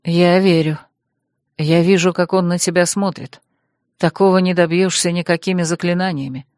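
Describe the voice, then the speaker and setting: A woman reading aloud who voices a young male mage, dropping her voice low and speaking earnestly and with measure. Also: fairly even intonation, normal speed, a little mellow, no room sound, clean studio sound, natural voice. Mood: gentle. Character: young male mage, wary then apologetic.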